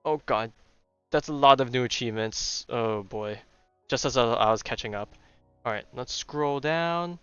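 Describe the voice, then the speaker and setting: Streaming a video game, a man chats casually and rambles through his thoughts aloud, frequently repeating words. He has a mid-range voice at normal speed, a bit bright, clear and resonant. The recording is dry, from a dull lo-fi mic, with game music in the background.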